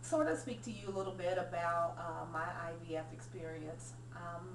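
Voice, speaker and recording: A forty-something woman with a somewhat low voice talks earnestly in a casual video diary, pausing often on ums. She sits a little away from the mic in an echoey room with a faint hum behind her. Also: far from the mic. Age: 40s. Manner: frequent ums, earnest and explanatory. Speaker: nurse sharing a personal diary. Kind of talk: casual personal vlog.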